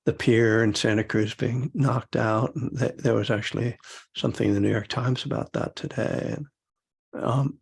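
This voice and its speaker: A man's voice: medium pitch, steady tone, moderate pace, vocal fry, breathy edge. An older man and meditation teacher gives a rambling, casual dharma talk, chuckling often and full of fillers.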